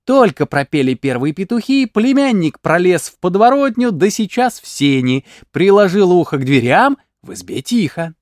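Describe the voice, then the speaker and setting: A man narrating a bawdy folk tale in an expressive, lively reading voice. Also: sits high, moderate pace, few pauses, no echo, clean studio sound. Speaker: storyteller.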